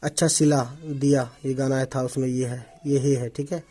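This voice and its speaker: Calm, mellow-voiced male language teacher. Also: medium pitch. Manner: patient, repeats words slowly and keeps checking understanding. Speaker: Urdu teacher. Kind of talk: online language lesson. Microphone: omnidirectional desk microphone.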